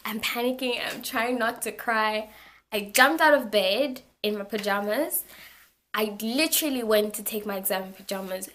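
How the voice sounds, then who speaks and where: Lively young woman telling a story. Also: on the high side, moderate pace. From Zambia. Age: young adult. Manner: animated, repeats words for emphasis. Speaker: university student vlogger. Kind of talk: casual storytelling to camera.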